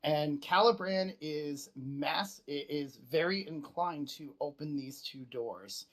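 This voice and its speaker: This is a game master running a tabletop fantasy game. The speech is mid-pitched, improvised narration mixed with casual asides to the players. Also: slow.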